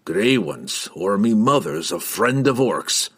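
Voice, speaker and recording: A man doing Bruenor, a gruff grumbling dwarf. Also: lowish voice, very animated, slow, a bit bright, exaggerated voice. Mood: grim. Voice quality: gruff, old-fashioned dialect speech. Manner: grumbling, sarcastic, solemn. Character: gruff grumbling dwarf king, stern and proud. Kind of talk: audiobook character voice.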